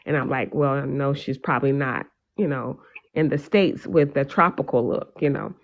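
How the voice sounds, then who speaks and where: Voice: mid-range voice, normal speed. Earnest, rambling guest with muffled audio. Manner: earnest, meandering, frequent fillers. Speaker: guest on a live stream. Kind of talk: casual conversation.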